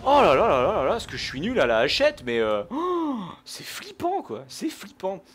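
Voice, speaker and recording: A man giving live, jokey gameplay commentary, shouting out his kills. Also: sits high, wildly swooping pitch, normal speed. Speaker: gaming video host.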